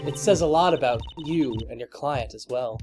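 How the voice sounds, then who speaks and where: A man's voice: mid-range voice, normal speed, music in the background, lightly acted. A man voicing a composed adult woman mentor in an amateur reading of game dialogue. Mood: calm.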